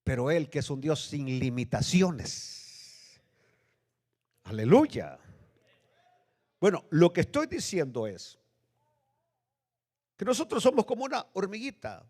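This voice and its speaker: A male pastor preaching a sermon with dramatic swings between loud, high bursts and low, hushed lines. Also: expressive, unhurried, long pauses. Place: church sanctuary. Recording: long reverb of a church hall.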